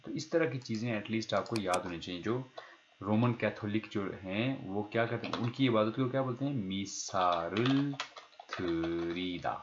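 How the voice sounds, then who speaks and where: Low-voiced male teacher, lo-fi recording. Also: slight background noise. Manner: explains step by step, repeats key words and asks the class questions; pauses to check his notes mid-lesson. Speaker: Korean language teacher. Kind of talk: recorded online lecture.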